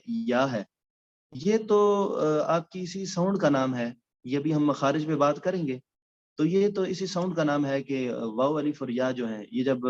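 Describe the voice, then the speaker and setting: Male teacher, slightly high voice, patient explainer, muffled low-fidelity sound. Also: darkish tone. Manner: explanatory, many hesitation sounds. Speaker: Quran recitation teacher. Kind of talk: recorded lecture.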